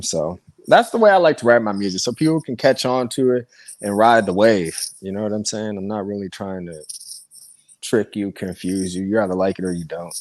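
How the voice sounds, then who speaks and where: Low-voiced laid-back musician man. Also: darkish tone, no room sound. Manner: laid-back, candid, laughs easily. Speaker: musician guest. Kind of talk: casual interview chat.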